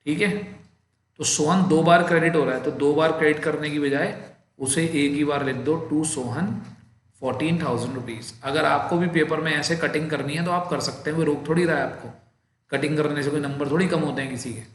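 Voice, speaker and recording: Male Indian tutor, patient step-by-step lecture delivery with slow dictation, in a reverberant room. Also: fairly high pitch. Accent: Indian English mixed with Hindi. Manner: explains step by step, addresses students as "beta", slows down to dictate entries. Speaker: accountancy teacher. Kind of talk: classroom lecture.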